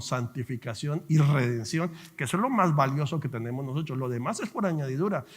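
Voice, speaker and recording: Brief: male pastor, middle-aged, higher voice, lively and fervent preaching. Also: long reverb tail. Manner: animated storyteller, fervent preaching. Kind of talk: sermon with personal testimony. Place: church.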